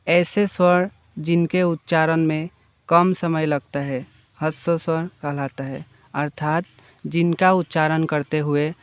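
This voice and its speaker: Male teacher, slightly high and clear-voiced, patient repeating explainer. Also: no echo. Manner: defines each term, then restates it. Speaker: Hindi grammar teacher. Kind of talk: slow, explanatory grammar lesson.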